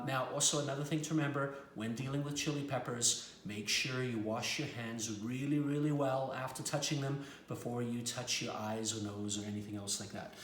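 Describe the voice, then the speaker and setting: A middle-aged male chef from South Africa walks through a recipe at a steady middle pitch, friendly and explanatory, with the odd "um" along the way. The kitchen around him rings with noticeable room echo. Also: a little hiss or hum. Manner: friendly, explanatory, with frequent "um" fillers. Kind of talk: cooking demonstration.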